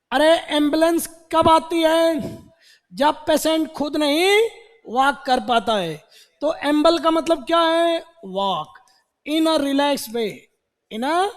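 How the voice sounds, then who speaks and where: A man teaching vocabulary to a class, repeating words and quizzing students with questions. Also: very high voice. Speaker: English teacher. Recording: long hall reverb.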